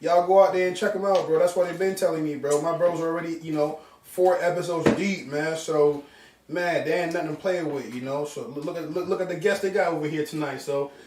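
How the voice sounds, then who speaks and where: Congo guy on a podcast, talks real fast and hyped, lots of slang, kinda far from the mic. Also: fairly high pitch, fairly even intonation, background noise. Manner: hyped, slangy, repeats himself. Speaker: podcast guest. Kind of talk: casual chat. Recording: roomy echo, mic at a distance.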